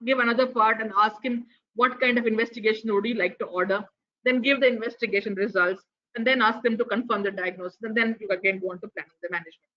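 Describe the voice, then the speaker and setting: Indian English woman, lecturer, fairly high voice, asks questions to teach, dull online audio. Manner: explanatory, poses rhetorical questions, some restarts. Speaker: pathology lecturer giving a keynote.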